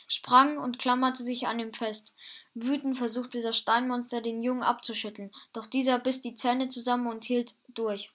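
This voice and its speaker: A woman reading a fantasy adventure story aloud in a plain, steady way, with casual asides to listeners. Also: a little high.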